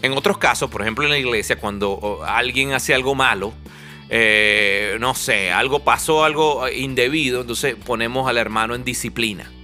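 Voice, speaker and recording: Bright-voiced man joking around. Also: medium pitch, moderate pace, soft background music. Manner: joking, conversational, with frequent fillers and asides. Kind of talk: humorous casual monologue.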